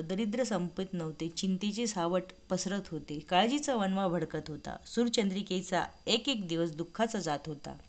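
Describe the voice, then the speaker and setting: A woman narrating a devotional fasting story in an expressive, measured reading. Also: lowish voice.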